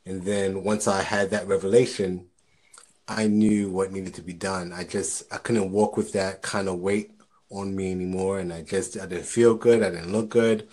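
A man's voice: low-pitched, steady tone, moderate pace, a little mellow. A man talking earnestly in a casual conversation, giving encouragement and often repeating words as he starts a thought.

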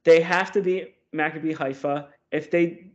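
An opinionated man with a somewhat high voice talks through football stats and predictions with animated conviction. The audio sounds dull and lo-fi. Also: moderate pace. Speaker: podcast co-host. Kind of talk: casual football analysis.

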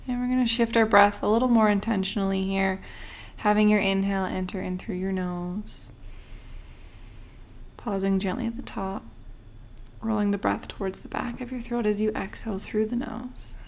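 Creaky-voiced woman breathing coach. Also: medium pitch, fairly even intonation. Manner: soothing, unhurried, with long pauses between short phrases. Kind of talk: guided breathing meditation, breathing coach instruction.

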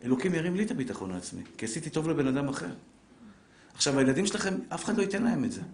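In a roomy, echoing lecture room, a middle-aged male rabbi with a slightly high voice teaches Torah live to a seated audience. His manner is lively, and he addresses listeners directly with rhetorical questions.

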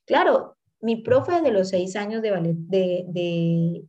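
A Colombian woman in her thirties tells her own story as an interview guest. She talks earnestly and with animation, and she acts out the voices of people from her past. Her voice sits at a middle pitch. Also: animated, takes it slowly, darkish tone, lo-fi sound. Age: 30s. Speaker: guest, tango dancer.

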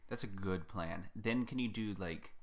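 A young man co-hosting a podcast, talking in a dry, joking, unhurried way. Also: low-pitched. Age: young adult. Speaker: podcast co-host. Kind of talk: casual chat.

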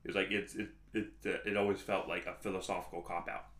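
A man's voice: low-pitched, level tone, fast talker, a bit bright, echoey room. A man co-hosting a podcast in casual chat, rambling with many restarts and fillers. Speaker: podcast co-host.

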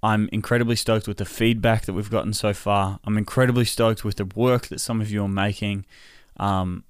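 A man hosting a solo podcast in a casual, low, unhurried and subdued way, sounding tired and sore. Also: steady tone, smooth, no echo, studio quality. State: tired and in pain, recovering. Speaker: podcast host.

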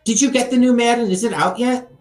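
A man's voice: very high voice, fast talker, darkish tone, roomy sound, faint music behind. A man hosting an interview, asking curious, chatty questions with plenty of fillers. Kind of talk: casual interview chat.

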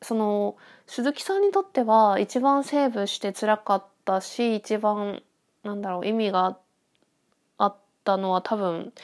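A woman speaks at a medium pitch with a congested, nasal sound, as if her nose is blocked. She chats informally on her own like a podcast host, thinking aloud in a reflective, slightly hesitant way. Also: creaky, darkish tone. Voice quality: stuffy-nosed, nasal voice. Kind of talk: casual solo chat, thinking aloud.

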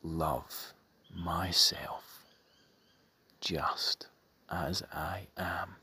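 Long pauses and measured phrases mark this gentle guided meditation by a man. He speaks in a breathy, soothing half-whisper, with a low voice and a steady tone.

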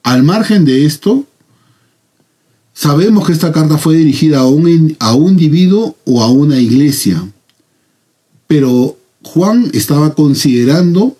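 A man with a Peruvian Spanish accent leading a Bible study, talking in a measured, earnest way with pauses and fillers. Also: a little high, lively intonation, dark tone. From Peru.

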